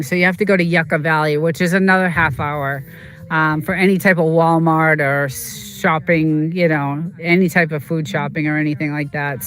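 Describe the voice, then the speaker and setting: A vlogger in casual, rambling chat, repeating words and filling pauses, and turning emotional when recalling a pet's injury. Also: mid-range voice, a bit bright. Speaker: vlogger telling a personal story.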